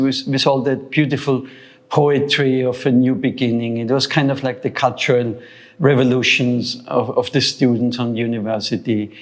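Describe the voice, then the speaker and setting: Reflecting as a guest in an interview, a thoughtful older Austrian man in his sixties who founded a sound center speaks in a medium-pitched voice. He hesitates, restarting often and using lots of fillers.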